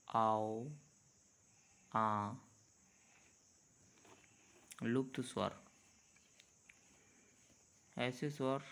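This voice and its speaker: A man teaching a grammar lesson, speaking in a measured way and drawing out the sounds he demonstrates. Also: medium pitch, gravelly. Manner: slow, measured, drawn-out letter sounds.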